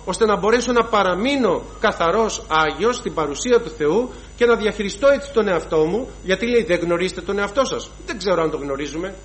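A man's voice: sits high, a bit bright, rough recording. A man preaching a sermon to his congregation, emphatic and rhythmic, listing sins one after another and calling the listeners brothers.

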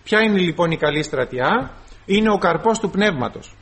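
A man's voice: sits high, animated, a bit bright. A man preaching a sermon to his congregation, calling them brothers and acting out short dialogues with the flesh.

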